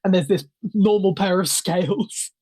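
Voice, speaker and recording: A game master narrating a tabletop game over a voice call, improvising in a halting, self-correcting way. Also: medium pitch, a little mellow, husky.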